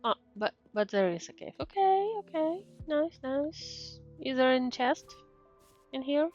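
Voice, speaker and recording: Her high-pitched, sing-song voice has a darkish tone and moves at a measured pace as she casually commentates a game. The woman streamer murmurs acknowledgements, thinks aloud, and reads screen text, with faint game music under a muffled mic.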